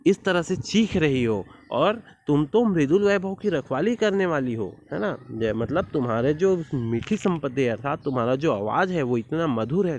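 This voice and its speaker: A man teaching a school poetry lesson, reciting verse lines slowly and explaining each word, often checking with "है ना?". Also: a little high, darkish tone.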